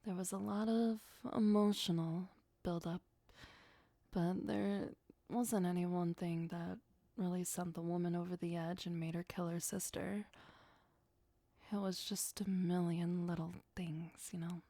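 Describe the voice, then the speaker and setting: In an ASMR roleplay, a woman plays an ageless female vampire, an obsessive, darkly playful girlfriend who murmurs softly and breathily, often in a whisper, at a very slow, unhurried pace. Her fairly low voice is delivered flatly, sounding disdainful and menacing beneath the sweet coaxing. The close microphone gives a dry recording.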